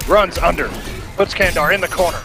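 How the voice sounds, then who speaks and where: A man's voice: high-pitched, fairly quick, creaky, over music. A man doing live fighting game commentary in a casual, enthusiastic, slangy manner. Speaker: esports commentator.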